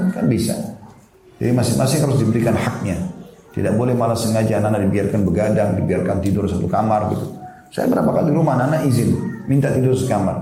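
A man's voice: lowish voice, mellow, roomy sound. A male Islamic preacher giving a conversational lecture to parents, raising his voice to act out children's and parents' questions.

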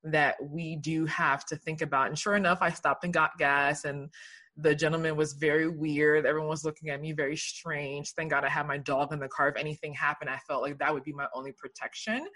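Bright-voiced woman from Liberia. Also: deep voice, steady tone, moderate pace. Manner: earnest, reflective storytelling. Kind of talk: casual conversation.

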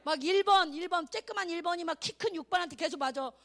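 A woman evangelist preaching at a youth camp, animated and exclamatory, calling out for responses and acting out quotes. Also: very high-pitched, quick pace. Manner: acts out quotes in voices.

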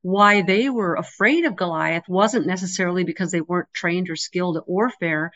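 A woman's voice: on the low side, normal speed, fairly bright tone. A middle-aged woman speaking as an interview guest over a remote connection, earnest and emphatic in conversational testimony. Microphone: remote call connection. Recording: dull, band-limited remote call.

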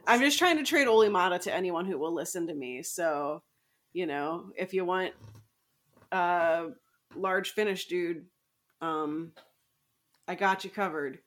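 A woman's voice: on the low side, takes it slowly, long pauses, fairly bright tone. Laughing woman in casual hockey chat. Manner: laughing, joking. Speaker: podcast co-host.

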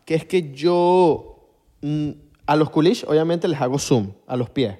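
A man's voice: fairly high pitch, unhurried, long reverb tail. A young man with a Venezuelan accent, chatting casually and joking as a podcast co-host. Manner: animated, joking, slangy. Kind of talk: casual chat.

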